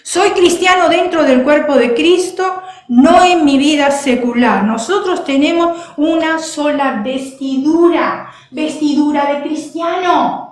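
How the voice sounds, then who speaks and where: A woman preacher giving a sermon, animated and laughing, acting out other people's voices. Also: sits high, slow pace, few pauses, roomy sound.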